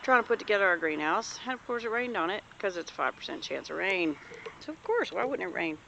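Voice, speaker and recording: A woman from the American Deep South with a Southern accent, chatting casually in a folksy, homespun way as she shows viewers around outdoors. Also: quick pace, vocal fry, pushed and bright, highs cut off. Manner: folksy, homespun, plain-spoken. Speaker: homesteader vlogger. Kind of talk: casual rambling show-and-tell chat. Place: outdoors in a rural yard. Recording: noisy outdoor recording with birds.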